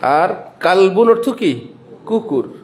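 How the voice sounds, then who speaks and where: High-voiced teacherly Bangladeshi preacher. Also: male voice, sing-song. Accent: Bangladeshi Bengali. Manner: teacherly, asks and answers own questions; spells out letters and sounds slowly. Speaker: madrasa principal, preacher. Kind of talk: religious lecture.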